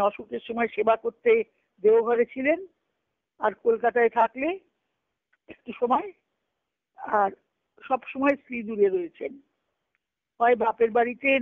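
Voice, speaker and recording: A woman with a slightly high voice leads spiritual discussion on a group conference call, reading letters aloud and explaining them as a teacher would while repeating phrases. The sound is dry, through a tinny, band-limited phone connection.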